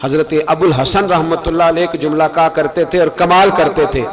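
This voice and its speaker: A male preacher with a high-pitched voice delivers an impassioned sermon to a gathering. He keeps exhorting his listeners and rises to loud, high calls. A large crowd is clearly heard in the background. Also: fairly even intonation. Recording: sermon recorded with a crowd audible.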